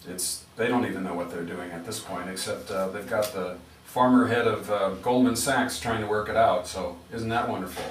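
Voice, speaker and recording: A man hosting a conversational public radio interview, speaking in a halting, wry way as he thinks aloud. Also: lowish voice. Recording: roomy, distant mic with background noise.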